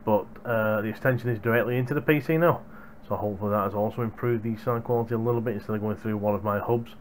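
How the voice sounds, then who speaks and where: Fast and fairly even in intonation, his lowish voice carries a bit of hiss or hum. The young hardware reviewer is chatting casually to viewers indoors in a small room at home, using a headset boom microphone.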